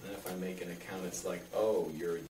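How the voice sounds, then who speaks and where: A young man with a low voice answers questions in casual, rambling speech, often hesitating as he explains. He is recorded at a distance in an echoey room with faint noise. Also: little pitch movement, fairly quick, mellow. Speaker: interviewee.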